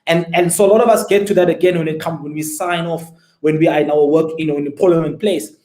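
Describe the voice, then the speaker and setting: A man in his twenties tells his story as an interview guest, with a fairly high voice. He speaks emphatically and keeps throwing rhetorical questions at the listener. The room around him rings with echo. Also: steady tone, fast talker, darkish tone. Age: 20s. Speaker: guest entrepreneur.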